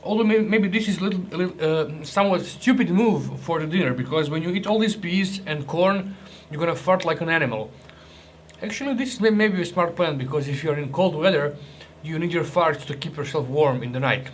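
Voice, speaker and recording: A man's voice: fairly high pitch, a little fast, a little hiss or hum. Joking man tasting rations. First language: Croatian. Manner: chatty, joking, restarts and hesitations. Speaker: ration reviewer. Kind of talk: casual food review vlog.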